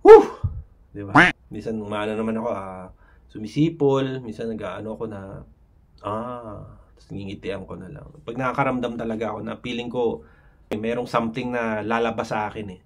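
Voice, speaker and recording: The vlogger offering anxiety advice has a lowish, slightly bright voice and a steady tone, and he keeps a brisk pace. Talking casually to camera, he wanders from point to point with plenty of fillers and tag questions.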